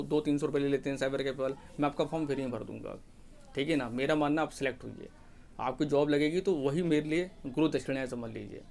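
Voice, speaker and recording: A man teaching job aspirants in a casual, repetitive advising way, often checking in with "ठीक है ना". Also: fairly high pitch. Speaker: exam guidance teacher. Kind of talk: informal Hindi explainer for job aspirants.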